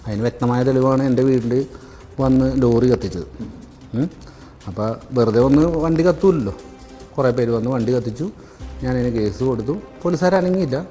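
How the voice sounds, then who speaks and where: Man, news interviewee, mellow voice, defensive and rambling, faint music behind. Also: mid-range voice, fairly quick. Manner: defensive, rambling, asks questions back.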